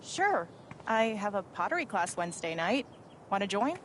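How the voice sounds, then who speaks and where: Game side role: casual young friend, medium pitch, clear background noise. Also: female voice, big pitch swings, moderate pace, a bit bright. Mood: friendly, casual. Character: casual young woman torn over a friend's crush. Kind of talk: video game dialogue.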